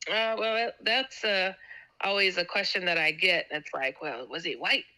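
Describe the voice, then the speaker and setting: A woman's voice: on the low side, moderate pace, sharp tone, clear, resonant tone, poor audio. A woman guest telling a personal story in a casual interview, stammering and repeating words as she acts out quotes. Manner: laughs often between sentences. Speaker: guest author.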